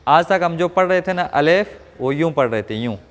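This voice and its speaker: A man from Rajasthan teaching Quran pronunciation to a class, asking questions and modeling each sound slowly. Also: a little high, expressive, big-room sound. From Rajasthan, India. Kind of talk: classroom lesson.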